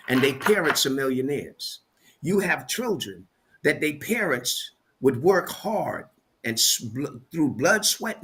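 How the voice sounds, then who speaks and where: A man from Barbados speaks as a guest on a talk show, with a fairly high, bright and forceful voice. He talks in an emphatic, preacherly way, pressing each point and repeating words as he goes. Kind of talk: motivational interview talk.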